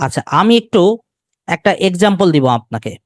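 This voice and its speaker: During a live grammar lecture, this Bangladeshi-accented male teacher keeps throwing questions at his students and slowly repeats the important terms. He sounds high-pitched and sing-song, and the studio sound is clean and dry.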